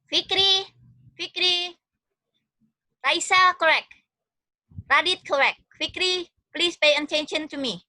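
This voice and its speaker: A woman's voice: very high voice, slow, long pauses, sharp tone, no echo. A woman with an Indonesian accent teaching an online class over a video call, affectionately encouraging students and calling on them one by one.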